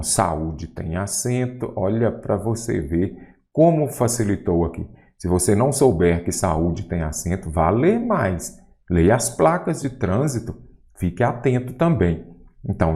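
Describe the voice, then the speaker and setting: Male teacher, low and very animated, exam-prep lesson style. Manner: lively, quizzes the viewer with rhetorical questions. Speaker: Portuguese grammar teacher.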